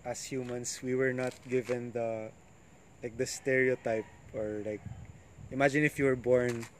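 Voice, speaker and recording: Young man, Filipino accent, native Tagalog speaker, halting drunken musing, mid pitch, casual chat, faint noise. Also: little pitch movement.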